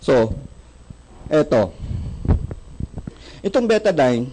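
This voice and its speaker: A man's voice: fairly high pitch, very animated, very slow, mellow, a little hiss or hum, low-quality recording. A man with a Filipino accent giving a live health product presentation, asking the audience questions, answering them himself and joking with them. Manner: jokes and laughs with the audience.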